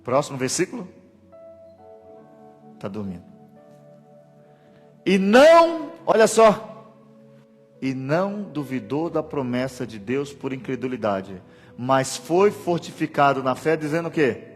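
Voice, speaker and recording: A male pastor preaching a sermon in a church, swinging between hushed and shouted passages. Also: medium pitch, animated, unhurried, long pauses. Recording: long church reverb, soft music.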